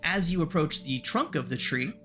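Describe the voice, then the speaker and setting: A man's voice: on the high side, animated, moderate pace, bright, forceful tone, soft background music. A man casually narrating a tabletop fantasy game as game master.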